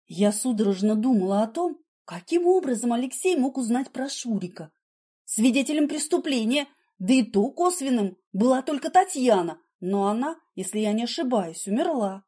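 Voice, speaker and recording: A woman's voice: a little high, expressive, normal speed, mellow, breathy edge. A woman narrating a first-person story for an audiobook. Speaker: audiobook reader.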